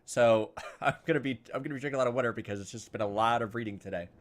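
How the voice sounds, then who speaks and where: A video game playthrough host with a mid-range voice talks rapid-fire, casually thinking aloud and reading the visual novel's text as he plays.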